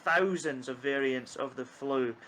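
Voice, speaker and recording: A man's voice: mid-range voice, unhurried, pushed and bright, low-quality recording. A man from the east coast of Scotland, telling self-mocking stories as a band guest on a video call. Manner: jokey, self-mocking storyteller. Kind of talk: casual chat.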